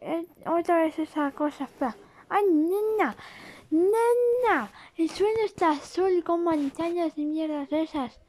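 This is a woman with a Spain Spanish accent, giving live commentary on a horror game. Her voice sits very high and swoops up and down. She talks slowly and nervously and keeps tacking a pet word onto almost every phrase. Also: expressive, a little mellow. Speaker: streamer.

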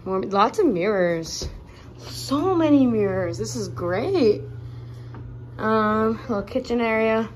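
A young woman narrates her travel vlog at an unhurried pace. Her voice sits a little high, and she giggles a lot while she chats. It is recorded on a handheld phone, with clear traffic and vehicle noise behind her. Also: expressive. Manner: giggly, chatty, often laughing. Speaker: vlogger. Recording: noisy travel background, vehicles.

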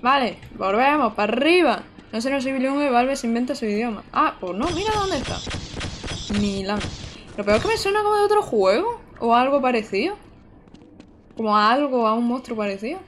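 Young woman, livestream game commentary, higher voice, faint background noise. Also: animated, brisk. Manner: chatty, talks to chat while playing. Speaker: streamer. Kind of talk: live gameplay commentary.

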